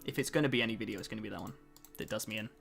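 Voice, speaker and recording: Soft music sits behind a man in his twenties who streams live, talking very fast in a fairly low, creaky voice with a fairly bright tone. He's chatty and self-mocking, fielding chat questions in between tasks.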